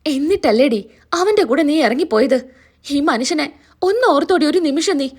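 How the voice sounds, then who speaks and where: A woman's voice: high-pitched, lively intonation. A woman retelling a story, voicing an angry middle-aged mother who scolds her daughter harshly. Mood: angry scolding. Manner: harsh, scolding, rapid bursts.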